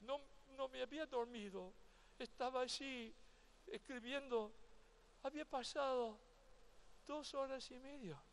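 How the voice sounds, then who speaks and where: A male pastor preaching a sermon at a convention with emotional delivery that swings from loud to hushed. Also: extremely high pitch, measured pace, gravelly, pauses often, slight background noise. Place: convention event.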